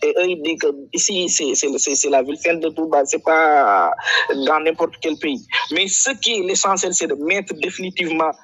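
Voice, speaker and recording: Man, hesitant and halting, many fillers, bright clear tone, slightly high voice. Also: poor audio. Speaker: flood prevention activist, guest. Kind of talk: radio interview answers.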